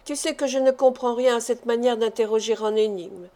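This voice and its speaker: A woman's voice: fairly high pitch, a little fast, mellow, natural voice. A woman reading a proud, impatient young man. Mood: pressing. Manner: pressing, impatient questions. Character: jealous, proud young man, quick to anger. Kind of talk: audiobook dialogue reading.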